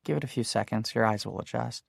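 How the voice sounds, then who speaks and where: A man voicing a bold, wisecracking teenage girl in an audiobook, raised well above his own pitch. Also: quick pace, gravelly, husky, no room sound, studio quality, exaggerated voice. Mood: insistent. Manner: sharp, teasing, insistent.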